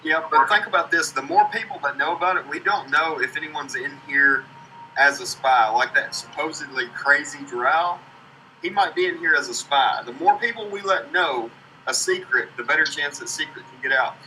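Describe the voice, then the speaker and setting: A young male player argues his point earnestly at a tabletop game. His very bright voice comes from a step away from the mic. A faint hiss sits underneath. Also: a little high, moderate pace, recorded from a distance, poor audio. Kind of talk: casual game chat.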